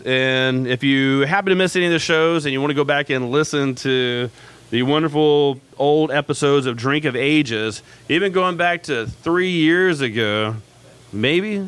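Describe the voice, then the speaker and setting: Male radio host, chatty and self-deprecating, bright crisp voice, live at a pub. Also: mid-range voice. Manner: chatty, self-mocking, frequent fillers. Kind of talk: casual live radio talk.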